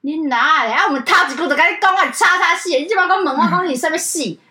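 High-voiced animated woman telling a story. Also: fast talker. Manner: animated, acts out both sides of a phone call. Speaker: podcast co-host. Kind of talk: casual storytelling chat.

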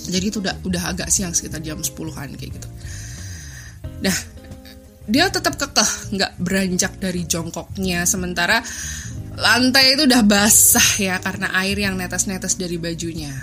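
A young woman chats through a family story in a relaxed, conversational way. Her voice sits at a middle pitch. Soft music plays faintly underneath her. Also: normal speed. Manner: chatty, retells scenes with quoted dialogue. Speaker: podcast host. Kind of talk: casual storytelling podcast.

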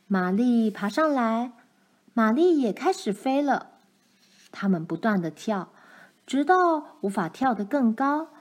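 A woman reading a children's storybook chapter aloud, gentle and expressive. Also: medium pitch.

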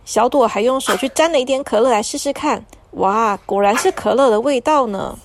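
A woman narrating a bedtime story for children in a soft, soothing manner. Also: a little high. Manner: soft, soothing, slow at the end.

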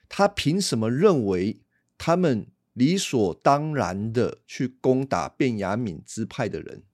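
A man teaches the Bible in a relaxed podcast style. He explains step by step and poses rhetorical questions. His mid-pitched voice is recorded dry and close. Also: slow, no room sound.

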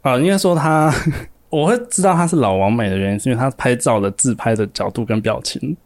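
Young taiwanese guy on a podcast, talks super fast, animated storyteller. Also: medium pitch. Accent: Taiwanese Mandarin. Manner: animated storyteller, acts out quotes with laughs. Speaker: podcast co-host. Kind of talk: casual chat, storytelling.

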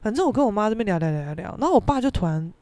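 A young woman with a Taiwanese Mandarin accent tells a story on her podcast in an animated, self-mocking way, swearing freely. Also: mid-range voice, racing. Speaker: podcast host.

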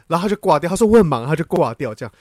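A man's voice: fairly high pitch, big pitch swings, racing, warm tone, no room sound, studio quality. A man co-hosting a casual chat podcast, dramatically retelling a story with laughs and the odd swear. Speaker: podcast co-host.

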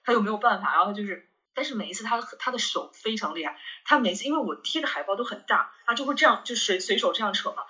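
A woman co-hosting a casual podcast, recounting childhood memories in a lively way with laughter. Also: mid-range voice, quick pace, poor audio. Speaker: podcast co-host. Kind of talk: casual chat.

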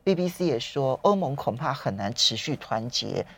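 A woman's voice: rumbling low, lively intonation, normal speed, slightly rough. A woman with a Taiwanese Mandarin accent hosting a current affairs talk show, conversational and posing questions with pointed asides. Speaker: radio talk show host.

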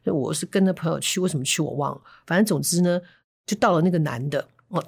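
A woman from Taiwan, hosting a storytelling podcast in a chatty, animated way with Hokkien asides. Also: deep voice, fast, vocal fry, slightly rough. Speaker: podcast host.

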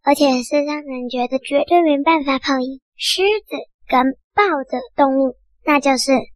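Childlike high-pitched voice, slightly hoarse, children's animal storytelling, drawn-out delivery, dry close sound. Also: fairly even intonation, dry recording. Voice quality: hoarse, husky.

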